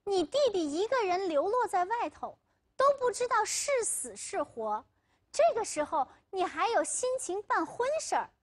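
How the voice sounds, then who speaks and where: A woman's voice: extremely high pitch, big pitch swings, moderate pace, voice pushed up. A woman lecturer voicing grieving, desperate elderly village parents in a told story. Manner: tearful, pleading and scolding.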